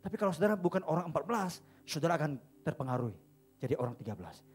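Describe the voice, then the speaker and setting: A male pastor giving a dramatic sermon, acting out the story in booming shouts and hushed whispers, often calling out to his listeners. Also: very animated, racing, husky, soft background music. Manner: repeats "saudara" to address the congregation.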